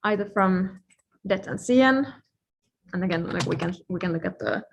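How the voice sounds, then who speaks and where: Lecturing informally, a Finnish woman thinks aloud, often breaking off mid-thought and adding playful asides. She speaks in a mid-range voice with vocal fry and a breathy edge.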